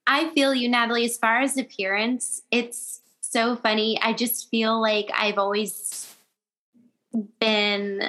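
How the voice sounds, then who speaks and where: A woman's voice: on the high side, level tone, slow, pushed and bright, low-quality recording. A woman in her thirties hosting a podcast, chatting earnestly and laughing often. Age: 30s. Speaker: podcast host. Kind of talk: casual chat.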